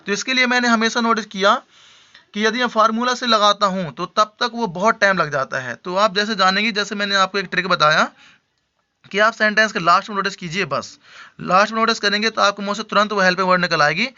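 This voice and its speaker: A man from India teaching spoken English, explaining patiently with frequent check-ins and slow repeated example sentences. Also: high-pitched, bright, forceful tone. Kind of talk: Hindi-language English lesson. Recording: dull lo-fi recording.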